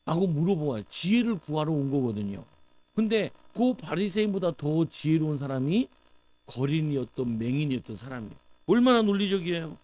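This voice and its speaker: A middle-aged man preaching to his congregation, his voice sitting a little high for a man. He talks in an emphatic, conversational way and keeps asking rhetorical questions. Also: big pitch swings, fairly quick, darkish tone, poor audio. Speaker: pastor. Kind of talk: sermon.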